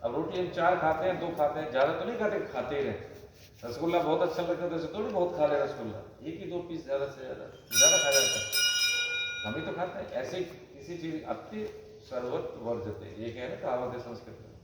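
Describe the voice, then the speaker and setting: A man's voice: on the high side, lively intonation, fairly quick. A man teaching a children's class in casual talk, chatty and often checking that they understand. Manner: chatty, asks frequent check-in questions. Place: temple hall. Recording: echoey hall, far from mic, noise.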